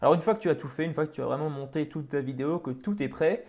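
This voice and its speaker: Casual French man explaining software. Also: a little high, quick pace. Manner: casual, many fillers and restarts. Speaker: tutorial host. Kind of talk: screen-recorded software tutorial.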